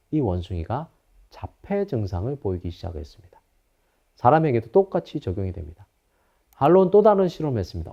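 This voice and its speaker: A psychology professor in his fifties gives a recorded lecture in a very expressive voice with a wide pitch range. He's a storyteller at heart, acting out anecdotes, and the audio is a little dull and lo-fi.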